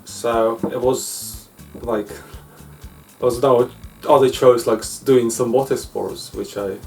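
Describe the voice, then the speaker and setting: A man from Ukraine chats casually and easygoingly in an interview, speaking slowly and steadily in a mid-range voice that is creaky and darkish. He says "uh" often and uses non-native grammar. The mic is distant, with faint music audible.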